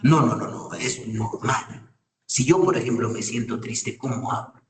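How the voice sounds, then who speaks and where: A man's voice: medium pitch, unhurried, distant mic. A man giving a university lecture, often checking in with students with short questions. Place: classroom. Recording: echoey room, voice off-mic.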